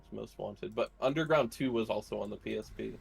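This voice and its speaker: A man's voice: lowish voice, brisk, vocal fry, faint music behind. A man in a casual podcast chat, giggling often and rambling with many restarts.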